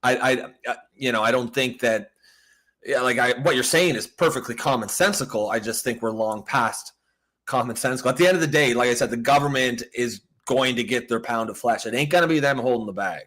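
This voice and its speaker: Man, co-host, casual political chat, blunt, swears, reads viewer comments, middle pitch. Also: fairly quick, fairly bright tone. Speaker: podcast co-host.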